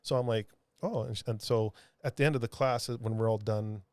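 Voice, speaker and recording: A man, a comic book artist, telling a heartfelt story in a podcast interview, halting with many restarts and fillers. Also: lowish voice, steady tone, no echo. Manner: earnest, heartfelt.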